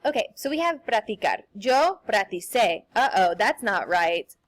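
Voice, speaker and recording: Young woman teacher, cheerful sing-song delivery, models examples slowly for the class, mid-range voice. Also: mid-range voice, big pitch swings. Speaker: Spanish teacher. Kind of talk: recorded classroom lesson.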